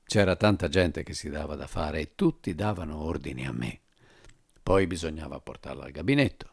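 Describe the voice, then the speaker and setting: A man reading a literary memoir aloud as narrator, telling it in an expressive, wry way. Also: very deep voice, normal speed, creaky, slightly rough, no echo, studio quality.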